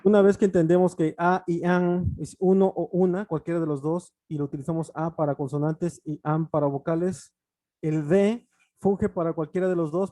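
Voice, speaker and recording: A man's voice: fairly high pitch, warm tone, no room sound. A man teaching an online English grammar lesson, explaining patiently with frequent fillers and restarts.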